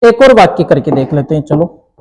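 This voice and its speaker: A man teaching an English grammar lesson to children, explaining slowly and checking in often. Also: on the high side, very animated, darkish tone, breathy edge, low-quality recording.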